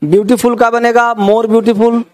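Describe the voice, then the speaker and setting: A man's voice: very high-pitched, level tone, a little slow. A man teaching a grammar lesson, often checking that students have understood and coaxing them along, with an Indian accent on English words. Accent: Indian English words in Hindi.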